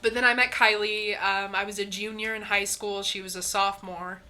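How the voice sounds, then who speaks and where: A woman's voice: medium pitch, flat delivery, normal speed, sharp tone. A woman in her twenties from Indiana, co-hosting a podcast in casual chat, blunt and laughing with frequent ums. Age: 20s. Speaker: podcast co-host.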